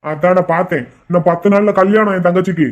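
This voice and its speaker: A man's voice: high-pitched, quick pace, muffled recording, close to an everyday voice. A man voicing a bossy, hot-tempered adult brother who scolds and threatens, in a cartoon. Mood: scolding. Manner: scolding, rude, shouting.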